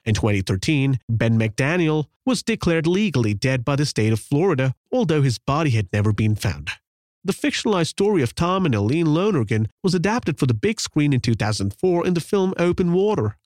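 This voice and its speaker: A man's voice: fairly high pitch, very animated, a little fast, darkish tone, no echo, clean studio sound. A man delivering scripted true-crime documentary narration as the host of a podcast.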